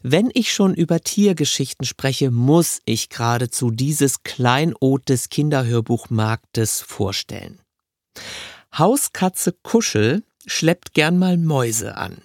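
A man's voice: mid-range voice, lively intonation, takes it slowly, a little mellow, no echo, clean studio sound. A man hosting an audiobook show, giving a chatty, scripted presentation with light amusement. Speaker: podcast host presenting audiobooks.

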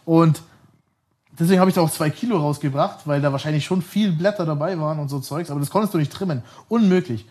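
Man, thirties, slightly high voice, chatty guest who rambles and laughs through his stories. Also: quick pace, a little mellow, breathy edge. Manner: rambling, laughs often, self-corrects. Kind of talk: casual storytelling.

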